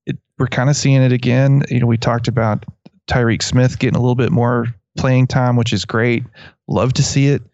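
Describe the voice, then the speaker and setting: A man's voice: mid-range voice, little pitch movement, moderate pace, a little mellow, dry recording. Slightly dull-sounding man with a West Texas twang. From West Texas, USA. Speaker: sports podcast co-host. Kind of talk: casual sports chat.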